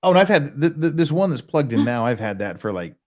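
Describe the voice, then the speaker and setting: A man's voice: mid-range voice, big pitch swings, quick pace. An American man hosting a casual livestream, chatty and joking, often stopping himself mid-sentence. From United States. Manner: chatty, self-interrupting, joking. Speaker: livestream host.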